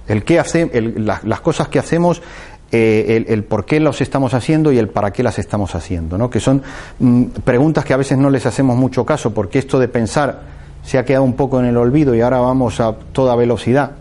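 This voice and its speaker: A man's voice: mid-range voice, brisk, mellow. A man from giving a reflective talk, thinking aloud with fillers and restarts as he tells a short parable. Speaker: speaker giving a motivational talk.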